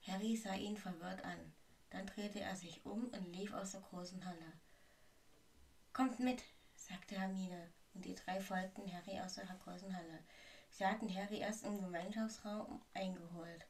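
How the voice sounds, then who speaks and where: A woman's voice: mid-range voice, steady tone, normal speed, gravelly, darkish tone, distant mic. A woman reading a story aloud in a plain way, with small slips and restarts.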